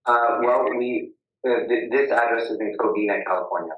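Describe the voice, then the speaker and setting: A man's voice: mid-range voice, normal speed. A man testifying as a witness over a video call, hesitant with many uhs and ums, his voice muffled as if talking into a can. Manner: hesitant, restarts with uh and um. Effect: muffled tin-can sound, as if talking into a can. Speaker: witness at a public hearing. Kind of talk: formal testimony with many fillers. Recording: echoey, dull lo-fi video call audio.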